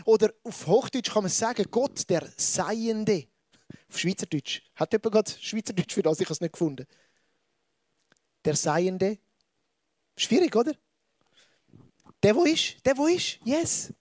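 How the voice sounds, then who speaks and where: Lively Swiss preacher, high-voiced man. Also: a little slow, long pauses, no echo, clean studio sound. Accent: Swiss German. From Switzerland. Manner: lively, conversational preaching with asides to the audience. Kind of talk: sermon.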